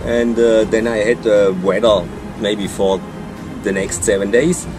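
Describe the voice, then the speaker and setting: Older sailor, halting. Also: male voice, on the low side, flat delivery, over music. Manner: halting, simple phrasing. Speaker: interviewed sailor. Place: on deck of a boat, outdoors.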